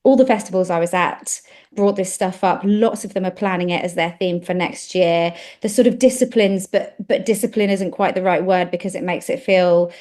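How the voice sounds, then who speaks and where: A woman's voice: on the low side, fairly even intonation, moderate pace, darkish tone. A woman co-hosting a podcast, chatting casually and earnestly with frequent fillers and restarts. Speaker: podcast co-host. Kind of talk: casual chat.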